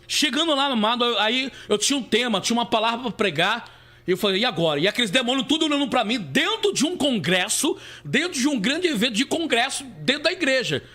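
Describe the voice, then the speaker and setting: A man's voice: very high voice, very animated, a little fast, sharp tone. A man with a Brazilian Portuguese accent, a bishop giving a live preaching testimony, repeating himself and calling listeners beloved. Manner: repetitive, calls listeners "beloved", many restarts.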